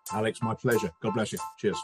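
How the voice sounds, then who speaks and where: A middle-aged man, a guest on a podcast, talking about coaching in a relaxed conversation and telling stories with quick quoted voices. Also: fairly low pitch, over music. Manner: animated storyteller, acts out quick quoted voices.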